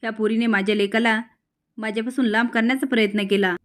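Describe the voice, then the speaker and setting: A woman's voice: a little high, steady tone, quick pace, natural voice. A woman voicing an angry middle-aged woman who shrilly accuses her family. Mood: angry accusing.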